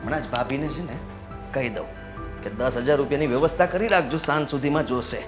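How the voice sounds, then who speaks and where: A man's voice: high-pitched, a little fast, over music, natural voice. An actor playing a cocky, idle young married man who argues with his father in a mocking tone. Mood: sarcastic. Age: young adult.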